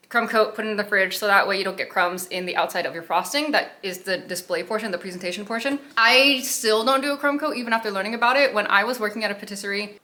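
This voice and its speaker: Bright-voiced chatty woman baking vlogger. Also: medium pitch. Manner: chatty, self-deprecating, rambling asides. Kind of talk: casual chat to camera. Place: home kitchen.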